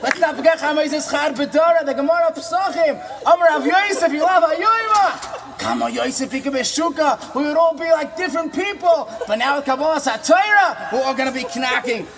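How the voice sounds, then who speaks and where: With a very high voice and a slightly fast pace, a man does a comic impression of a warm, impassioned, questioning rabbi. He tells inspirational stories with dramatic, preacherly refrains in a fervent mood.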